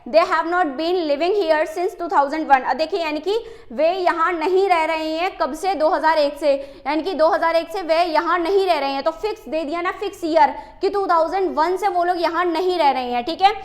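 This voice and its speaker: A woman with a high, light voice teaches an English grammar lesson. She poses rhetorical questions, then answers them herself, and keeps checking in with the listener. She slows down deliberately to read out the example sentences. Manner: repeats rhetorical questions, frequent "ठीक है" checks. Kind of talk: Hindi-English tense lesson.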